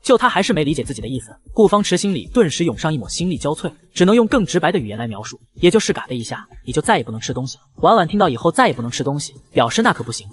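Male comic-story narrator, very rapid delivery, lively pitch. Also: slightly rough, no room sound. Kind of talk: fast scripted story narration.

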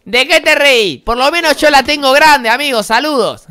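A man's voice: moderate pace, pushed and bright. A man in his twenties with an Argentine accent, teasing and mocking other players in casual voice chat while gaming. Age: 20s. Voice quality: high-pitched voice. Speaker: gaming streamer.

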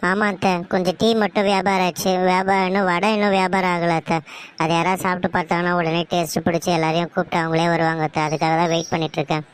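A woman's voice: lowish voice, flat delivery, fast talker, slight background noise, lightly acted. A woman voicing a polite, earnest young wife and daughter-in-law in a cartoon story, with a Tamil Nadu accent. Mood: hopeful.

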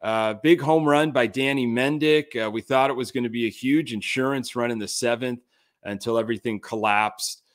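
A man's voice: mid-range voice, fairly even intonation, normal speed. 30s guy doing a home baseball podcast, chatty, lots of ums, blunt about bad plays. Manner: conversational, many fillers, frank and critical. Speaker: sports podcast host. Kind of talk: casual sports commentary. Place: home studio room. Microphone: large desk mic on camera.

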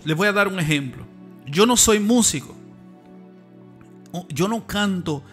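A middle-aged man preaching a sermon as a missionary, fervent and emphatic, rising to loud insistent passages. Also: high voice. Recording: faint music behind. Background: faint music.

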